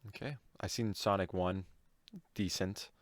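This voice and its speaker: Podcast co-host, male, very low voice, relaxed, keeps remarks short. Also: measured pace, dry recording. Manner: laid-back, short remarks. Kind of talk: casual chat.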